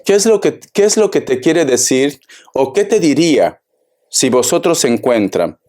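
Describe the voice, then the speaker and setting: A man giving a tarot reading, speaking slowly and deliberately and addressing the listener directly. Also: a little high, expressive, dark tone. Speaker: tarot reader.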